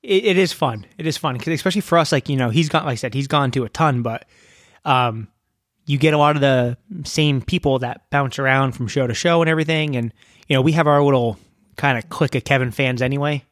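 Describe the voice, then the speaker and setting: A man of mid-range pitch hosts a relaxed chat and speaks loosely, with easy swearing. His voice sits dry and close, with no room sound. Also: brisk, no room sound. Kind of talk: casual chat.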